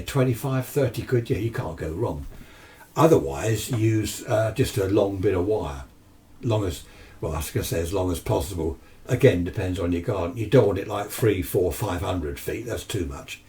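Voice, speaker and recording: A warm, fairly low male voice belongs to a British amateur radio fan giving an informal, unplanned talk about his hobby. He comes across as chatty, meandering and matter-of-fact. It was captured indoors in a home radio shack, with a far-off mic picking up noisy ambience.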